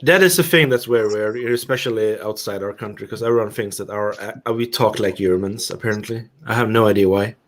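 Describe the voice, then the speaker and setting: A man's voice: fairly low pitch, fairly quick, few pauses. A man from Sweden with a Swedish accent and Swedish as his first language, chatting as a guest on a stream and sometimes searching for words. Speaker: guest channel owner. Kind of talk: casual live-stream chat.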